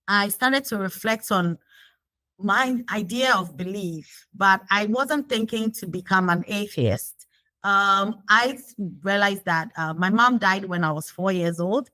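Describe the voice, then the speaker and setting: Woman in an interview, thoughtful, lots of ums, mid pitch, super dry sound. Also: pushed and bright, dry recording, rough recording. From Ghana. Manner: reflective, with frequent fillers and restarts. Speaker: guest. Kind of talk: conversational interview.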